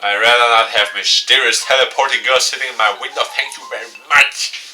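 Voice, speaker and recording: A man's voice: mid-range voice, fairly even intonation, fairly quick, sharp tone, recorded from a distance, faint music behind, poor audio. A man reading a visual novel aloud in a goofy, dramatic let's-play style with joking asides.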